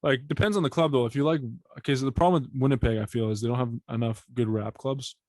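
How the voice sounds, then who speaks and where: Quick-talking young male podcast host. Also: mid-range voice, steady tone, a little mellow, no echo. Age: 20s. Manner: laid-back, quick questions and reactions. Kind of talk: casual chat.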